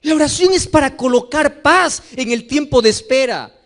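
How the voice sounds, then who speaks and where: A man preaching a sermon as pastor, asking the congregation questions and slowing down to stretch key phrases for emphasis. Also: animated, fairly bright tone. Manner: acts out quoted voices in a raised pitch.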